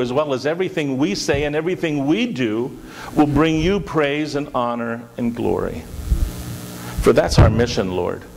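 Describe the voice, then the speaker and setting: A middle-aged pastor, medium in pitch with a darkish tone, prays and makes announcements earnestly in a big church sanctuary, repeating words as he goes. The recording carries the reverberant echo of the hall along with hiss.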